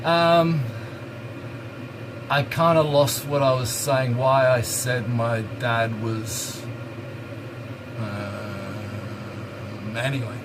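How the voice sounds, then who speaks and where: Slow-talking man chatting over a stove. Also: mid-range voice, steady tone, background noise. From Hong Kong, raised in Australia. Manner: rambling, chatty, answers viewer questions. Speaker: live streamer. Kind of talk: casual chat while cooking. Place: home kitchen by a hot stove.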